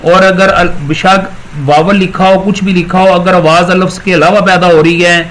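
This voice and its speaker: A man giving a recorded English grammar lecture, explaining step by step, repeating words slowly and praising his students. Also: high-pitched, flat delivery, a bit bright, low-quality recording. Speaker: English teacher.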